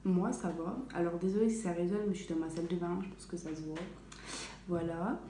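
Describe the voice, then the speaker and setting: A woman's voice: on the low side, steady tone, fairly quick, mellow, a little hiss or hum. A young woman vlogger chatting casually in a small bathroom at home, with lots of fillers and self-corrections. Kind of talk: casual vlog storytelling. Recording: echoey bathroom, faint room ambience.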